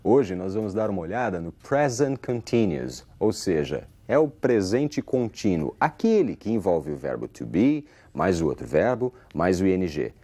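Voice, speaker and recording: A man with a Brazilian Portuguese accent teaches a recorded English lesson. His voice sits low, but it swings widely up and down as he reads example sentences aloud. He explains each point slowly and patiently. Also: big pitch swings, warm tone.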